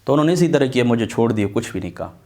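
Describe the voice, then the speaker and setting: A middle-aged man from Pakistan, an Islamic scholar, telling stories from his student days in an earnest, animated way, swearing oaths that he is telling the truth. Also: mid-range voice. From Pakistan, Attock area. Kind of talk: casual storytelling talk.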